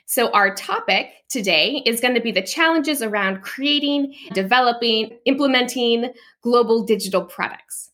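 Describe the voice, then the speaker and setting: A woman's voice: on the high side, lively intonation, moderate pace, few pauses, fairly bright tone. A woman hosting a podcast, giving upbeat introductions and asking questions. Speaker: podcast host. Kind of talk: interview.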